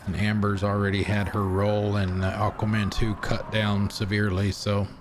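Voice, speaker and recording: A man chats casually while playing a game, hesitant and rambling, full of fillers. His voice sits a little low. Game noise is plainly heard behind him. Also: level tone, normal speed. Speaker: streamer. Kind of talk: casual gameplay chat.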